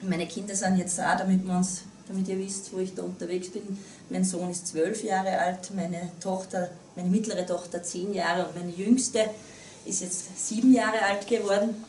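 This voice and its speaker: Upper austrian lady giving a talk, warm tone, echoey room, faint hiss. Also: mid-range voice, fairly even intonation, moderate pace. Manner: earnest, with many restarts and fillers. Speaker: guest speaker. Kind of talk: public talk. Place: small meeting room. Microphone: far camera. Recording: roomy, distant camera audio.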